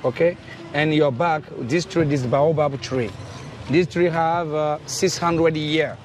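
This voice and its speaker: Higher-voiced Beninese man guiding a tour. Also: steady tone, slight background noise. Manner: halting non-native English with simple phrasing. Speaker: temple tour guide. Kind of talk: explanatory guided tour. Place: outdoors in a temple courtyard. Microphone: clip-on lavalier.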